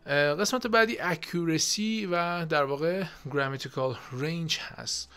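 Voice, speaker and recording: Gravelly young Iranian teacher. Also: male voice, fairly high pitch, sharp tone. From Iran. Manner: explanatory, with frequent filler pauses. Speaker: IELTS teacher. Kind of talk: casual online lesson.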